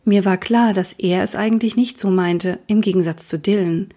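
Breathy woman reading a children's book. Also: medium pitch, normal speed. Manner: gentle, addresses young listeners directly. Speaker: host of a book reading series.

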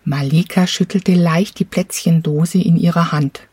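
A woman reading a children's storybook aloud in a calm, even storytelling manner. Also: lowish voice, measured pace, husky, no echo. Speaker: narrator.

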